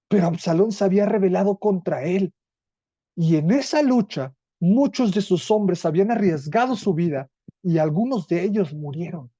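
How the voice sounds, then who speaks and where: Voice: mid-range voice, dark tone, no room sound, lo-fi sound. A Bible study teacher with a Mexican accent, reading scripture aloud and explaining it in an earnest way, with small restarts.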